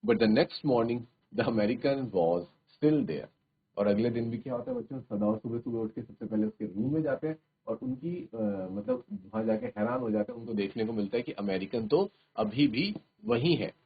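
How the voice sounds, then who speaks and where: A male teacher reading a story slowly in English and explaining it to his class in Hindi. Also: medium pitch, husky, phone-quality sound.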